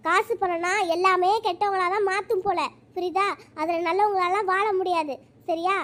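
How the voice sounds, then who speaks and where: Someone voicing a calm consoling village mother. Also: moderate pace. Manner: soothing, advising, lower and softer. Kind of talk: cartoon voice acting.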